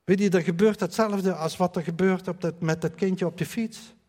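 A middle-aged man preaches a sermon in a conversational way, often turning straight to his listeners. His voice sits a little high. The church gives it a long, ringing reverb. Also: steady tone, normal speed, dark tone. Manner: conversational, addresses the congregation directly. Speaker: pastor.

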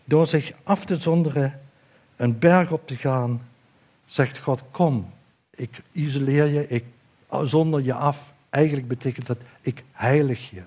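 A man preaching a sermon, reading scripture aloud and slowing down to lift his voice for emphasis. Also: medium pitch, dark tone. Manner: earnest, slows and lifts his voice for emphasis.

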